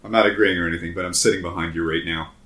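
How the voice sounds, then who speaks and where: A man's voice: low voice, steady tone, rapid-fire, sharp tone, reverberant. A man running a tabletop game in casual chat, laughing often and joking with his players.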